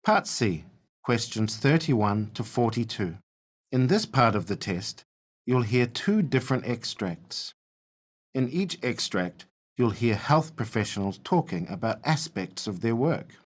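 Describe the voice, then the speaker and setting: A man narrating an exam recording in a slow, measured way. His delivery is formal and announcing, with a steady pitch. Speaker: test narrator.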